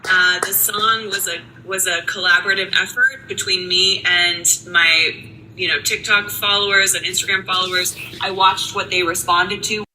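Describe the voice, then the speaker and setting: A woman's voice: on the low side, fairly even intonation, moderate pace, sharp tone, a little hiss or hum, rough recording. A Canadian woman in her forties, a musician guest on a podcast, talking in a rambling way and correcting herself as she goes. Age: 40s. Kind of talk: podcast interview.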